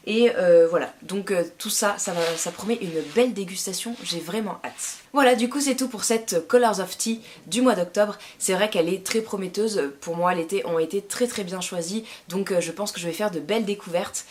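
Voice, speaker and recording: Chatty young woman unboxing teas. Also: medium pitch. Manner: chatty and enthusiastic, many fillers. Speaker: YouTuber reviewing a tea subscription box. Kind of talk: casual unboxing vlog.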